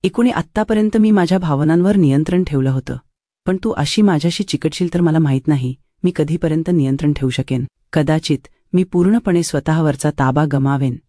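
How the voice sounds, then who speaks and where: A woman's voice: low voice, brisk, dark tone, no room sound, studio quality, lightly acted. A woman voicing a rude rich young man who talks to her in a stern, ordering tone. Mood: intimate.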